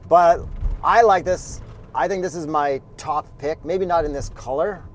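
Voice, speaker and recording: A man's voice: on the high side, a little slow. A man co-hosting a car review, bantering in a laid-back, joking way, outdoors beside a vehicle. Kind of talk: casual banter.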